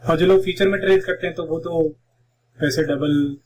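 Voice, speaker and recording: A man's voice: a little high, steady tone, normal speed, recorded from a distance. A man leads a live online trading class. He explains step by step and slips phrases into his Hindi. He sounds set back from the microphone, with a faint hum of background noise. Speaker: trading instructor.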